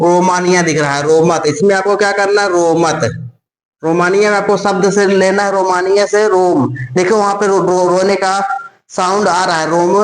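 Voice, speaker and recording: A man's voice: high-pitched, echoey room, rough recording. A man teaching an exam-tips lesson, repeating phrases and often restarting words. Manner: repetitive, keeps addressing friends.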